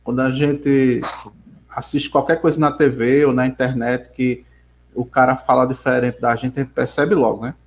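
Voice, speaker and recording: Over a video call on a computer microphone, a man with a mid-range voice runs an online geography class. His tone is level and his pace moderate, and his Rio Grande do Norte accent comes through as he rambles, restarts his sentences again and again, and calls on students by name.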